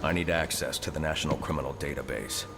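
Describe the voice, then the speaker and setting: In a video game cutscene, an actor voices a grim, brooding male vigilante detective with a very deep, gravelly voice. He talks fast yet keeps a steady tone, terse, menacing, low and controlled. A loud score and heavy background noise sit behind him.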